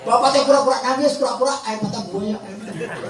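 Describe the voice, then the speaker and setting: A man preaching a sermon, shouting, teasing the crowd and calling on them to answer back. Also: very high voice, fast. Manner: teasing, joking with the audience. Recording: echoey hall, mic from far off.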